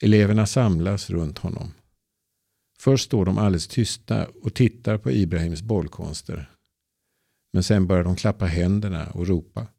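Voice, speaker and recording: A man reading a simple story aloud, slowly and clearly. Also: low-pitched, mellow, no room sound, studio quality. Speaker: narrator. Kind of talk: easy-Swedish storybook reading.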